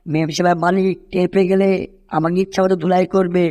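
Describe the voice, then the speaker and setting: A woman's voice: on the low side, flat delivery, fast, dark tone, natural voice. A woman voicing a hungry, scheming male house cat in a fan cartoon dub, muttering and groaning to himself.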